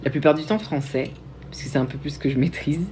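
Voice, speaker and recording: A man's voice: a little high, fairly even intonation, fast, darkish tone, slight background noise. Chatty young Belgian man on a livestream. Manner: chatty, self-mocking, frequent restarts. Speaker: livestream host. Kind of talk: casual livestream chat answering viewer questions.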